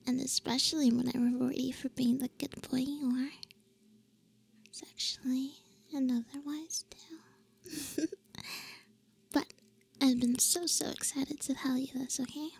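A young woman whispering a roleplay for the listener in a soft, teasing, affectionate way, with breathy little hums between phrases. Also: high voice, level tone, a little slow, pauses often. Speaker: audio roleplay performer.

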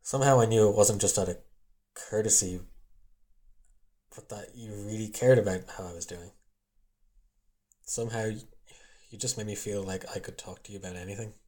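A young man playing an awkward, lovestruck college student in an intimate audio role-play, stammering and halting as he makes a confession. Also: on the low side, fairly even intonation, dark tone, lightly acted. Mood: tender, wistful. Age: young adult.

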